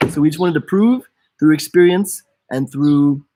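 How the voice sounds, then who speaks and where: A man's voice: on the high side, moderate pace, background noise. A young man from the United States co-hosting a casual live stream, joking and reading viewer comments aloud. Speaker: co-host of a travel channel.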